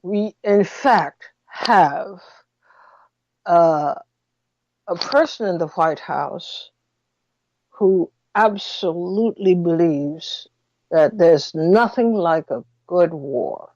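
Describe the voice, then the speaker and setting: A woman hosting radio talk and commentary, speaking haltingly and deliberately with long pauses, slightly muffled because an injured mouth will not open all the way. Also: on the low side, darkish tone. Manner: slightly muffled speech through a barely opened mouth. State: mouth injured from a fall, cannot open it fully. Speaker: radio talk show host. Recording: dull, roomy lo-fi sound.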